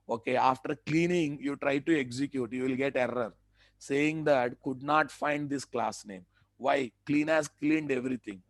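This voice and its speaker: A man's voice: mid-range voice, no room sound. A man with an Indian accent teaching a live technical class, repeating phrases and posing questions that he answers himself. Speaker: software training instructor.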